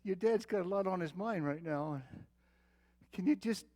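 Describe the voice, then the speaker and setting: A man's voice: high voice, normal speed, a little mellow. A man acting as the aging patriarch Abraham, speaking in a theatrical monologue to his young son. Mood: tender. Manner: theatrical monologue, calling out, then tender and confiding. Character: aging male patriarch Abraham, weary and devoted father. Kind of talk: dramatic Bible-character monologue.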